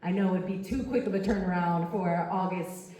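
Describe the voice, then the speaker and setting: Mellow woman reporter in an echoey hall. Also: on the low side, fairly even intonation, moderate pace. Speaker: sports reporter. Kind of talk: press conference questioning. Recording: echoey hall, distant mic, faint noise.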